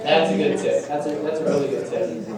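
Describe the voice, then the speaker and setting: A man presents at a nonprofit conference workshop in a casual, conversational style full of fillers, his voice a little high, fairly even and slightly fast. Crowd noise is audible, and the large conference room's echo comes through on the distant mic.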